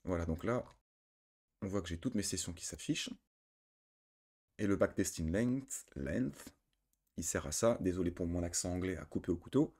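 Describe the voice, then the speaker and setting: A man with a notably low voice walks viewers through a trading tool on screen. He explains each setting step by step, pausing with fillers and correcting himself as he goes. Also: a little mellow, breathy edge. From France. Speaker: trading indicator tutor. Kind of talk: screen-recorded software tutorial.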